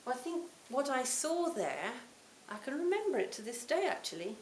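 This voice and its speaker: A woman in her sixties giving a reflective Buddhist talk to a retreat audience, her phrases often trailing off softly. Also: high-pitched, big pitch swings, normal speed. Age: 60s. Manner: reflective, warm storytelling with soft trailing phrase ends. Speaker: Buddhist teacher. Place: retreat hall. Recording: roomy hall, faint hiss.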